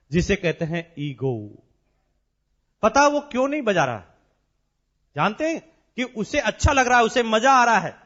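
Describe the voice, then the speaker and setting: Man, high voice, motivational seminar speaker, emphatic, repetitive, rhetorical questions, dull lo-fi recording. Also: fairly bright tone. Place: large seminar hall.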